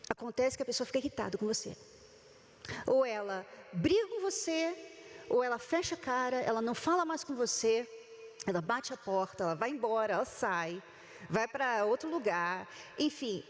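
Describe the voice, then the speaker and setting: A woman's voice: high voice, big-room sound. A woman with a Brazilian accent explaining relationships in a sermon-like talk, often acting out what people say. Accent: Brazilian Portuguese. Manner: explanatory, acts out quoted speech. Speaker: couples speaker.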